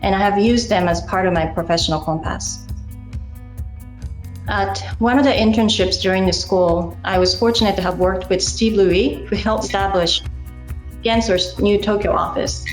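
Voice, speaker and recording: A middle-aged woman from Japan with a Japanese accent and Japanese as her first language, giving a measured, earnest acceptance speech as incoming chapter president, with small hesitations. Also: medium pitch, reverberant, soft background music, poor audio.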